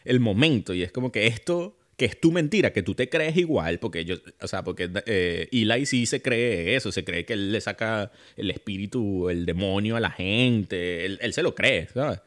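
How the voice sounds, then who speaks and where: A man's voice: fairly low pitch, animated, moderate pace, hardly any pauses, a bit bright. A man talking casually about a film, rambling with many restarts and fillers.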